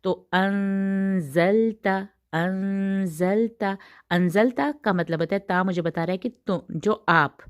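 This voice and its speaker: A woman teaching Quran recitation rules, explaining patiently and stretching the recited words out slowly. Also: on the low side.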